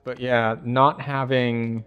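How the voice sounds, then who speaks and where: A man's voice: medium pitch, little pitch movement, slow, clean tone, muffled recording. Man muttering through casual gameplay, music behind. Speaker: gamer playing and commenting.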